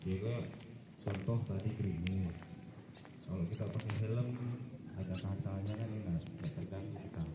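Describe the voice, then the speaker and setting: A man with a fairly low voice addresses a gathered group of students, firm and corrective but dropping into casual asides. The sound is roomy and echoey. He is picked up from a distance, with steady background noise. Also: moderate pace, pauses often. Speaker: speaker addressing students at a school assembly. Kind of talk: lecturing, giving instructions. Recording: echoey, far from the mic, noisy.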